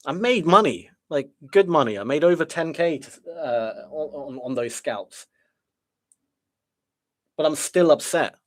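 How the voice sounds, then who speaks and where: A man's voice: on the high side, lively intonation, normal speed, hardly any pauses, a bit bright. A man giving live trading commentary to his viewers in a frustrated, self-deprecating way, sighing as he muses. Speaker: day trader streaming live.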